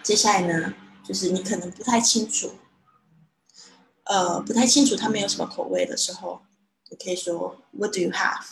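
A woman teaching English in a live online lesson, patiently explaining phrases and saying them slowly. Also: mid-range voice, fairly even intonation, gravelly. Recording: roomy sound with faint noise.

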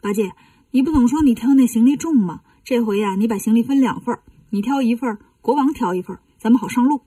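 A woman's voice: a little high, fast, dark tone, husky, no room sound, far from the mic. A woman voicing a clever, cheeky male monkey king in a children's story, teasing and playful.

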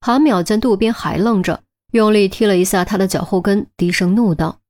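A woman reading a crime audiobook in a steady storytelling manner. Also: medium pitch, a little fast. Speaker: audiobook narrator. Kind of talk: scripted audiobook narration.

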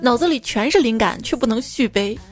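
A woman with a slightly high voice hosts a comic monologue, teasing and playful, laughing between jokes. Soft music plays underneath her. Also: animated, a little fast. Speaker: radio host.

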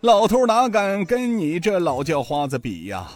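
A man's voice: sits high, wildly swooping pitch, moderate pace, soft background music, voice pushed up, exaggerated voice. A man voicing a comic old male master thief who grumbles and pleads in a wheedling whine. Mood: sighing.

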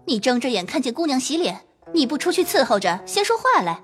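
A woman playing a clever young maid in an audio drama, sharp-tongued with the servants and smooth with her mistress. Her voice sits high and swings lively up and down, with faint music underneath. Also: fairly quick. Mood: scolding. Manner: scolding, then coaxing with a smile. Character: quick-witted young maid, sharp-tongued yet tactful.

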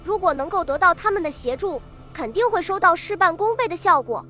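Woman narrator voicing a firm, decisive male official, high bright read, faint music behind. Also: animated, a little fast, full character voice. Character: middle-aged male Chinese official, calm and decisive.

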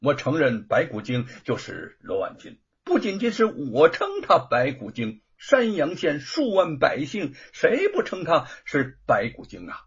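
Unbowed scornful scholar, man acting it, raspy, dull lo-fi recording. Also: on the high side, wildly swooping pitch, a little slow, hardly any pauses, full character voice. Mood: defiant. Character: defiant proud scholar, middle-aged man.

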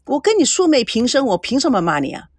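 A woman's voice: high-pitched, very animated, quick pace, no echo, clean studio sound. A woman voicing an exasperated young man in an audio story, curt and irritated.

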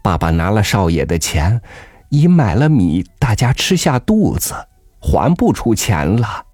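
A man voicing a gentle, poor village mother who talks softly and coaxingly to her young daughter. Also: fairly low pitch, sing-song, unhurried, no echo, soft background music, voice pushed up. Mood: tender, coaxing. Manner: soft, coaxing.

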